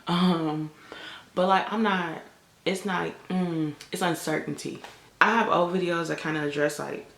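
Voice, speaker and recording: A woman's voice: on the low side, steady tone, a little slow, gravelly, fairly bright tone. A woman in her twenties from Chicago, talking candidly to the camera in a casual vlog, full of "like" and "um". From Chicago, United States. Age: 20s. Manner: chatty, candid, lots of "like" and "um". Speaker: vlogger and college lecturer. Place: room on a family vacation. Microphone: camera in front of her. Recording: echoey room.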